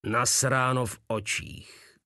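A man voicing a bitter, weary male legionnaire who talks slowly with a sneer, in a storybook reading. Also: medium pitch, flat delivery, sharp tone, no room sound, studio quality.

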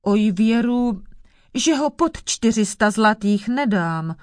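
A woman's voice: a little high, expressive, a little mellow, no room sound, studio quality, natural voice. A woman voicing a limping, kindly old father who worries about his son. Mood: firm.

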